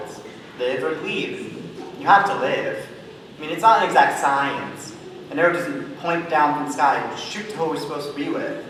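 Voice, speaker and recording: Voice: medium pitch, a bit bright, slight background noise, natural voice. A student actor playing a wistful, chatty male theatre fan who narrates in wry, rambling asides on a school stage. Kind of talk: school stage musical performance. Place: high school auditorium stage. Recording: echoey hall taped from far off with audience.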